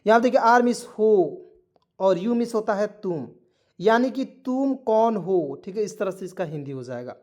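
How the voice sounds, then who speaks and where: A man's voice: sits high, lively intonation, normal speed, darkish tone. A man with a Hindi accent teaching spoken English, spelling words letter by letter and checking in with his students. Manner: repetitive, keeps asking "ठीक है" and quizzing. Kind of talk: online spoken-English lesson.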